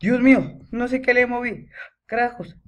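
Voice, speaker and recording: A teenage boy, giving excitable horror gameplay commentary, chanting and yelling when scared. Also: very high voice, moderate pace. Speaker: gamer.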